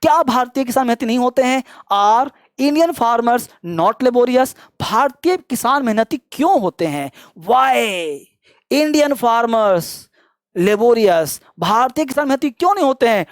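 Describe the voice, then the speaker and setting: A man's voice: very high-pitched, expressive, dry recording, studio quality. Emphatic man drilling spoken English. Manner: emphatic and urging, repeats phrases rhythmically and drills example sentences; slows to a deliberate, syllable-by-syllable pace when modelling sentences. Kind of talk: energetic online grammar lesson with call-and-response drills.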